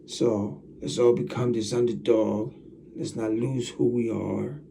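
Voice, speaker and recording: A man's voice: mid-range voice, steady tone, measured pace, gravelly, warm tone, recorded from a distance, slight background noise. A man talking casually to his viewers as a channel host, rambling and repeating himself as he talks straight at the camera. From United States. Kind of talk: casual vlog monologue.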